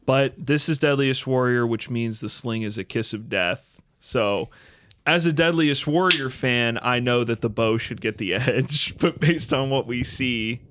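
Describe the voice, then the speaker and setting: A man co-hosting a casual podcast, animated, laughing at his own jokes and using lots of fillers. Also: medium pitch, a little slow. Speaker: podcast co-host.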